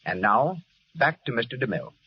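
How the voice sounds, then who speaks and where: A man reads credits and sponsor messages in formal 1930s announcer style, his medium-pitched voice animated, brisk and slightly rough. It sounds like a dull old radio broadcast under a faint hiss.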